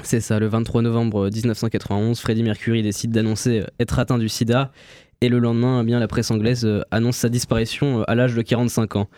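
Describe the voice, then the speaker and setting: A young man presenting a music history segment on the radio, halting and full of fillers. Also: mid-range voice, little pitch movement, mellow, no room sound, studio quality. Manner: halting, many fillers and restarts. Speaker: radio columnist. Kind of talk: reading a history segment on air.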